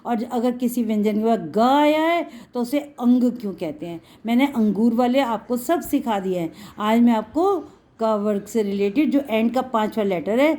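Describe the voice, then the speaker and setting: High-voiced woman teaching children patiently. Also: mellow. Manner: patient, drawn-out explaining, addresses students as beta. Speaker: Hindi teacher. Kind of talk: children's lesson.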